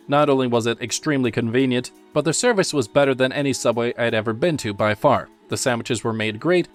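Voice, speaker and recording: A man reading online stories aloud as a scripted narration, in a steady, even storytelling manner. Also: medium pitch.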